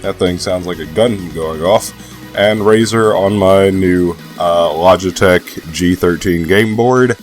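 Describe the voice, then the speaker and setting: A young gaming vlogger, sick with a cold and stuffy-nosed, rambles casually and swears freely about games. His voice is deep and slow, with soft music in the background. The delivery is laid-back, profane, and hesitant.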